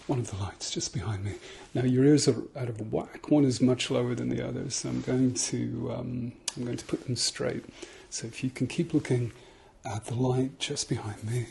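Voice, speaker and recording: A British man doing an ASMR ASMR role-play, soft-spoken and slipping into speaks softly, giving insistent, repeated instructions and reassurance. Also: medium pitch, vocal fry, a little hiss or hum.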